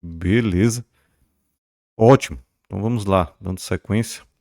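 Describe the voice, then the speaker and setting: A Brazilian man teaches grammar at a board in a fairly low voice. He points at examples, stresses key words by slowing down and keeps asking the class if they follow. The sound is dry and close, with no room echo. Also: vocal fry, a little mellow. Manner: pointing things out, frequent checks like "beleza?" and "né?"; emphatic, repeats key words slowly.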